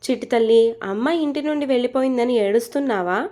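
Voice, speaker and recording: A woman voicing a gentle young mother in a storybook reading, soft and sorrowful. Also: a little high, fast talker, close to an everyday voice. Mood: tender sad.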